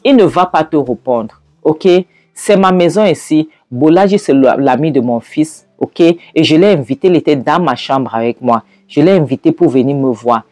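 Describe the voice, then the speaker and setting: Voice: mid-range voice, animated, normal speed, darkish tone, dry recording, faint music behind, natural voice. A storyteller voicing a defiant older woman who dismisses questions with scorn. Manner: combative, dismissive.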